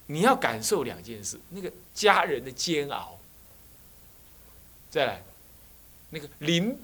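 A man with a Taiwanese Mandarin accent, a Buddhist abbot, lectures a class of students in a teaching room, telling stories and posing many rhetorical questions. His voice sits on the high side and is bright and husky, with a forceful tone and a sing-song lilt at a measured pace.

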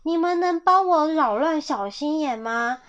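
A woman's voice: high voice, lively intonation, measured pace, a bit bright, pitched above the performer's own voice. A woman voicing an anxious, caring father rabbit in a children's story, earnest and worried. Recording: dull lo-fi audio.

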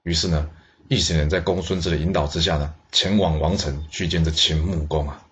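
Man storyteller, low voice, lively with exclamations, dull lo-fi recording. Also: a little fast. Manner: lively, exclaiming, with asides to listeners. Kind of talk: historical storytelling.

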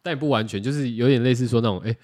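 A man's voice: mid-range voice, rapid-fire. Rambling man. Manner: rambling, animated, self-correcting. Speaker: podcast co-host. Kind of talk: casual chat.

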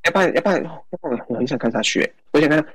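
A man with a Taiwanese accent chatting casually as a care worker, telling colloquial anecdotes in an animated way. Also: a little high, rapid-fire, breathy edge, dry recording. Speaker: care facility worker telling work stories.

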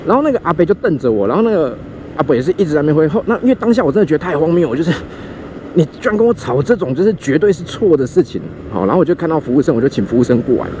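A man with a Taiwanese Mandarin accent tells a story in a casual chat, animated and acting out the voices he quotes, while riding a scooter outdoors. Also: fairly high pitch, rapid-fire. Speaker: podcast host. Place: outdoors on a motorbike in city traffic. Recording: faint street and vehicle noise.

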